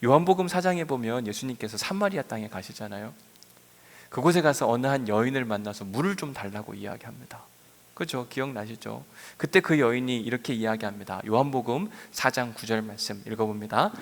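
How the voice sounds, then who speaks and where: A man preaching a sermon as pastor, asking the congregation questions in an animated way. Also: mid-range voice, brisk, gravelly. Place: church sanctuary. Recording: church hall reverb.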